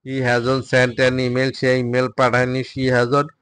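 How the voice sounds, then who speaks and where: A man, a Bengali speaker, teaching English drills by reading each sentence slowly and then translating it. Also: medium pitch, monotone, fairly bright tone, clean tone, no room sound. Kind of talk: spoken English drill lesson.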